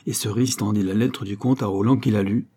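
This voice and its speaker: Male audiobook narrator, low and husky, measured dramatic delivery. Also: steady tone, mellow. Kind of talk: novel narration.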